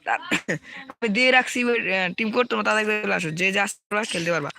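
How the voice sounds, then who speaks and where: A man's voice: high voice, fast talker, creaky, bright, forceful tone. A young man with a Bangladeshi Bengali accent, hosting a live gaming stream, reading out viewer names and repeating team codes.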